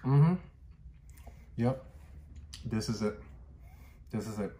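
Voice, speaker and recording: A man's voice: on the low side, slow, warm tone. A man in his thirties talking through a cloth mask, giving easygoing, chatty commentary for a candy taste-test vlog. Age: 30s. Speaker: vlogger. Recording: echoey room with noise.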